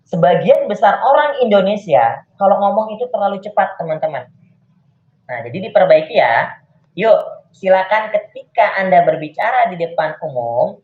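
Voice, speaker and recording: A public speaking coach teaching an online class, talking deliberately with clear pauses over a video call. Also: mid-range voice. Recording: echoey, phone-like video call audio.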